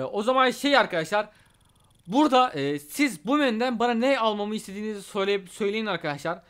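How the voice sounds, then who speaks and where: A young man talks through a wrestling video game in casual Let's Play style. His voice sits high, and he gets excitable, trash-talking his opponent and shouting at big moves. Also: clear, resonant tone. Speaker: gaming YouTuber.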